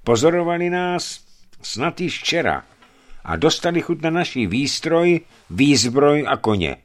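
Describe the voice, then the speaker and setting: Man as insistent arguing explorer, raised pitch, forceful. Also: sing-song. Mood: argumentative. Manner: insistent, argumentative. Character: stubborn argumentative male expedition member.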